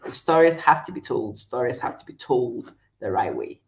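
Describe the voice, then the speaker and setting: A woman's voice: rumbling low, sing-song, moderate pace. A middle-aged woman from Ghana hosting a chatty live stream, talking directly to viewers and often laughing. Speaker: host.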